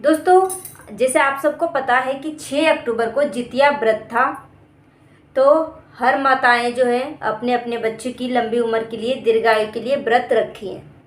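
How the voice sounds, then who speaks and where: High-voiced woman chatting in an echoey room. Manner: chatty, repeats phrases, frequent "uh" fillers. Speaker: vlogger commenting on other creators. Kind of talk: casual commentary.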